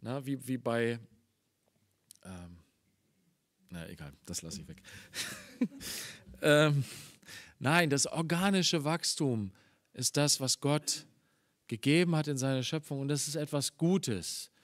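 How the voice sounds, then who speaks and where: A man preaching a Sunday morning sermon in German, reading scripture slowly and explaining it with earnest emphasis. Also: medium pitch, no room sound. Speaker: pastor.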